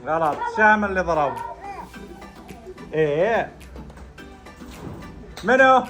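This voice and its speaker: Lively woman calling a game. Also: fairly low pitch, soft background music. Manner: brisk, commanding game calls, often laughing. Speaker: family vlogger running a game. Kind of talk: casual family game calling.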